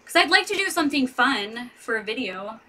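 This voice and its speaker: A woman's voice: fairly high pitch, big pitch swings, a little fast, bright, forceful tone, far from the mic. A woman in her thirties chatting casually and rambling with her viewers, laughing often. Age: 30s. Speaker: vlogger. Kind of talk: casual live chat with viewers. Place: home with street traffic outside.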